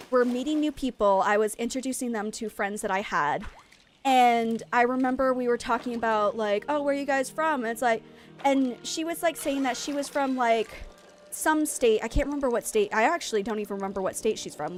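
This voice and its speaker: High voiced lady from maine chatting away on stream, rambly and giggly. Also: normal speed, faint music behind. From Maine, USA. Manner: chatty and rambling, laughs often, talks to chat. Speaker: game streamer. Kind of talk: casual chat while streaming a game.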